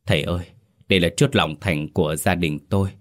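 Man reading a humble middle-aged father, choked and pleading, low voice, storybook. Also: fairly even intonation, brisk, natural voice.

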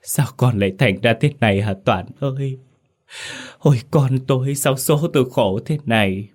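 A man's voice: low voice, normal speed, lightly acted. A man voicing a grieving middle-aged mother who pleads and wails for her lost son. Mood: wailing grief. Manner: pleading, sobbing and wailing.

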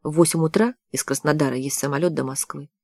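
A woman's voice: low-pitched, steady tone, fast, vocal fry, a little mellow, no room sound, clean studio sound. A woman voicing a confident young male journalist in an audiobook, curt and condescending.

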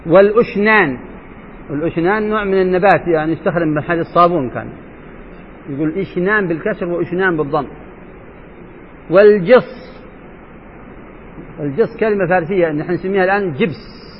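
A man's voice: sits high, a little fast, pauses often. A man sheikh teaching a jurisprudence lesson, asking his students questions and repeating key points. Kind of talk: classroom lesson explaining a text. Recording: dull lo-fi recording with faint hiss.

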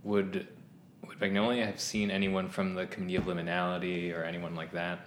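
A man's voice: deep voice, monotone, fairly quick. A man playing in a tabletop game, asking the game master many questions. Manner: inquisitive, asks many questions. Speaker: player. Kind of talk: casual game talk. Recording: echoey room, faint noise.

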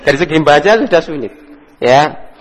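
A man with a slightly high, expressive voice speaks at a moderate pace while teaching Arabic grammar, patiently correcting his students and praising them often. He is in a mosque study hall, and the recording carries a long hall reverb.

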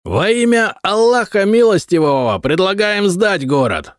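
Loud, high-pitched envoy on horseback , man narrator doing it, audiobook, dry sound. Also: sing-song, measured pace, dry recording. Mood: shouting, demanding. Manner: shouted, high and strained. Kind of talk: audiobook character voice.

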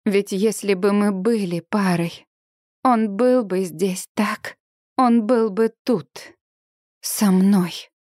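A woman reading a first-person novel aloud with expressive, emotive delivery. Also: medium pitch, takes it slowly, dry recording, studio quality. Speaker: audiobook narrator.

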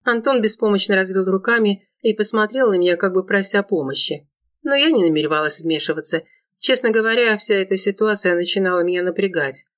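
A woman narrating a crime novel in the first person, even and wry. Her voice sits at a middle pitch, neither high nor low. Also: brisk. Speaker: audiobook narrator.

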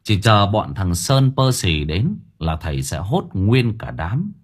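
A man narrating a horror story in a dramatic, expressive way. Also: on the low side, slow pace. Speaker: audiobook narrator.

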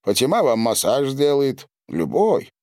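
A man's voice: medium pitch, sing-song, a little slow, a little mellow, dry recording, studio quality, voice pushed up. A man reading an audiobook and voicing a blunt, crude male partner who speaks in curt remarks.

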